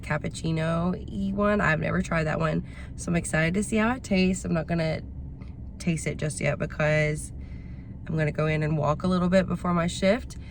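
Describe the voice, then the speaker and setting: A woman with a slightly raspy voice, chatting casually to camera as a vlogger. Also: fairly low pitch. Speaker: vlogger hosting a week-in-my-life video. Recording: clear background noise, ambience.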